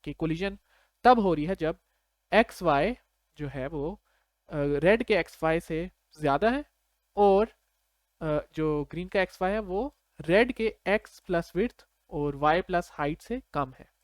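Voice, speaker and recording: In a slightly high voice, a Pakistani man tutoring programming explains things step by step, animated yet unhurried, with frequent short check-in questions. The informal, conversational delivery is recorded close and dry, with no room sound.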